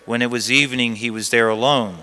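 A priest with a mid-range, sharp, clean voice talks a little fast with fairly even intonation. Reading the gospel and preaching emphatically, he repeats key phrases, and the long reverb of a large church surrounds every word.

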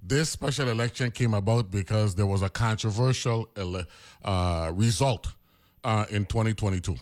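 A man hosting a political talk radio show, animated and rambling with many fillers. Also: on the low side, normal speed.

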